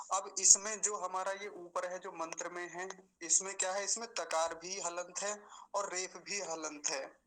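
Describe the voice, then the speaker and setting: A man with a bright, clear voice teaches pronunciation patiently. He stretches each tricky word out syllable by syllable and repeats it until it is right. Now and then he pauses to cough. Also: on the high side, rough recording. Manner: slow, drawn-out syllable-by-syllable demonstration of words; repeats words while correcting mistakes. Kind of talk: explanatory lesson.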